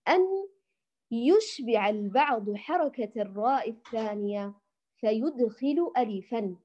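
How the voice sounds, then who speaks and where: Female tajweed teacher, fairly high voice, patient demos of each sound; dull lo-fi recording. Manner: patient, demonstrates letter sounds repeatedly; addresses listeners tenderly as dear ones. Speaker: Quran recitation teacher. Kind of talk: tajweed lesson for women.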